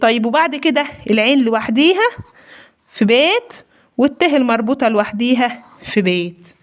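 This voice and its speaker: A woman teacher with an Egyptian accent giving a reading lesson to young children. She asks questions and answers them herself, and she stretches words out slowly to sound out each syllable. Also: sits high. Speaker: primary school teacher.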